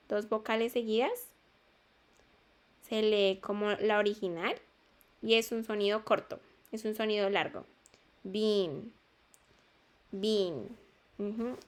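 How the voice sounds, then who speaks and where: A woman teaching an English class in Spanish, patiently repeating sounds and checking that students follow. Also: medium pitch. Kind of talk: online class explanation.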